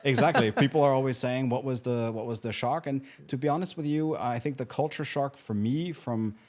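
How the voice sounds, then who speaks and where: A middle-aged man from Germany chats as an interview guest. He talks at a middling pitch and often stops to restart his sentences, filling gaps with "uh" and "um". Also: fairly quick, darkish tone. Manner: chatty, frequent fillers and restarts. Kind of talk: casual interview.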